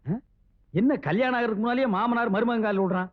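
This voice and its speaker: An actor playing a TV shop owner who speaks in theatrical, hammy comic film dialogue. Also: male voice, high voice, lightly acted. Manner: theatrical, hammy, swings between slow and rushed. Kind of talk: 1990s film comedy dialogue. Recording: dull, dry old film soundtrack.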